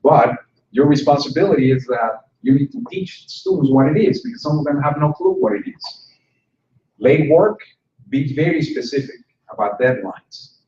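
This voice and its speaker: In a conference room, a man addresses instructors in a conversational presentation, tossing in jokes from time to time. His voice is a little high yet dark in tone, expressive, at normal speed. It's captured by a distant mic with roomy hall sound, dull and slightly noisy.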